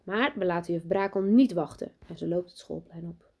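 A woman reading a children's story aloud in a clear, even storytelling manner. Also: on the low side, normal speed. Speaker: audiobook narrator.

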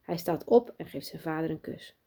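A woman reading a children's story aloud in a clear, even storytelling manner. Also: deep voice, moderate pace. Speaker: audiobook narrator.

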